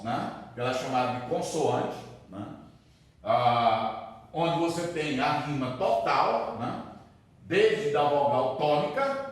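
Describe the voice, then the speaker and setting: A man teaching a literature lesson, explaining step by step and checking in often with tag questions. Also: fairly high pitch. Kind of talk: distance-learning lecture. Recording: very echoey room, mic far off.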